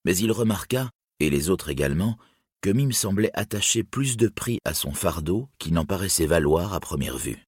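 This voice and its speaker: A man reading an audiobook aloud in a measured, solemn way. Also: low voice, expressive, slightly rough, no room sound, studio quality. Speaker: narrator. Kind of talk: audiobook narration.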